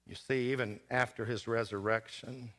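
Guy preaching as a humbled apostle, halting, keeps repeating words, bright forceful voice. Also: mid-range voice, fairly even intonation, close to an everyday voice. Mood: insistent. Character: repentant apostle, grown man, humbled and earnest. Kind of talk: first-person dramatic sermon monologue.

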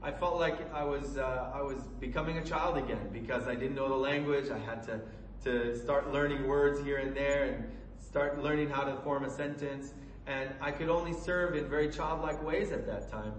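A man from Colorado preaching a sermon in an earnest, halting way, with many fillers and restarts. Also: medium pitch, fairly even intonation, recorded from a distance, slight background noise. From Colorado, USA. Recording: echoey room from away from the mic.

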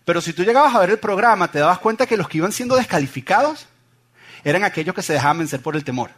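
A man's voice: high voice, fast, slightly rough. A middle-aged man, preaching a sermon with funny anecdotes and acted-out voices. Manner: animated storytelling, acts out voices. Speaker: pastor.

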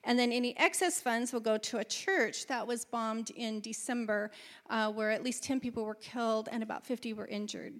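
A woman with a high voice gives church announcements. She works from notes in an informal, spoken way. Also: moderate pace.

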